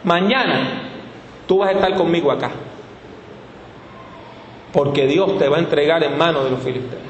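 Brief: irritated old prophet from beyond, reproachful tone, a preacher voicing him, roomy reverb. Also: male voice, on the high side, moderate pace, muffled recording, voice pushed down, natural voice. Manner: scolding, reproachful. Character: stern old prophet spirit, annoyed. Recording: echoey hall, faint room noise.

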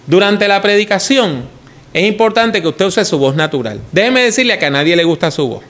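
With a high, expressive, somewhat bright voice and a slightly fast pace, a man gives an instructional talk on preaching. He keeps it conversational and demonstrates points using his own voice.

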